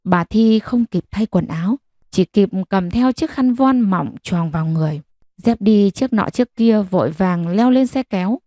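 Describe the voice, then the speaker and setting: A woman calmly reading a long bedtime story aloud as narrator. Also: medium pitch, dry recording, studio quality. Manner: calm, even storytelling.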